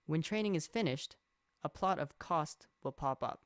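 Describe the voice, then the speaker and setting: A young man from Canada giving a steady, scripted narration that explains code as a student presenter. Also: on the high side, moderate pace, no room sound, clean studio sound. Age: young adult.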